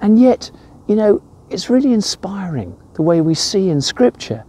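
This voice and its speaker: An older Englishman delivers an informal church devotional, speaking emphatically and weaving in personal anecdotes. His voice sits high and sing-song with a dark tone, at a normal speed.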